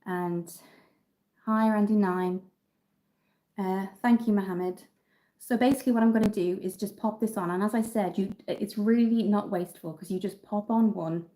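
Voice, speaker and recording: A woman's voice: medium pitch, fairly even intonation, moderate pace, warm tone. A woman from Dublin chatting casually on a beauty livestream, upbeat and full of ums as she answers viewer comments. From Ireland, Dublin. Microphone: phone camera.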